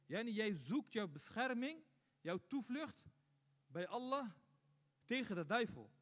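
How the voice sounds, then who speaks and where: High-voiced man preaching in reverberant mosque. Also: big pitch swings, unhurried. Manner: rhetorical questions, emphatic repetition. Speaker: imam. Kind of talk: Friday sermon. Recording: long hall reverb.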